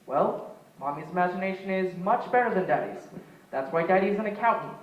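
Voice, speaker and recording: A man's voice: sits high, lively intonation, brisk, dull audio. A man acting a tired father coaxing his children to bed in a school stage play, with an exasperated, pleading way of talking. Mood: weary. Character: weary young dad putting kids to bed. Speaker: stage actor. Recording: echoey stage from far off, noise.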